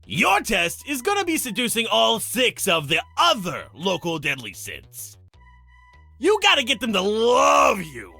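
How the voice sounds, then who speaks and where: An actor with a mid-range, creaky, slightly rough voice and a sharp tone swings hugely in pitch at a measured pace, heavily acted over soft background music. He plays a flamboyant, teasing demon master of ceremonies in a visual novel, delivering a sly briefing with theatrical relish.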